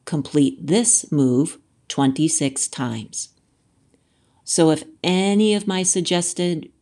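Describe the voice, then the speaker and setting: Low-voiced, slow woman guiding yoga. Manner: gentle, measured, soothing guidance with pauses. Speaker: yoga instructor. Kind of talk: guided yoga and breathwork instruction.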